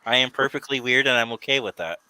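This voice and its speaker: Casual male co-host, rambling and giggly, bright tone, dry close mic. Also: mid-range voice, fast talker, clear, resonant tone, no room sound, low-quality recording. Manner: rambling, laughs often. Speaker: podcast co-host. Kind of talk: casual chat.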